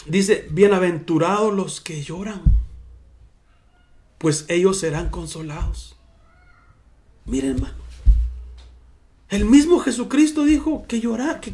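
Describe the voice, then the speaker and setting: A man preaching a sermon in church as pastor, earnest and personal, often calling his listeners brothers. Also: sits high.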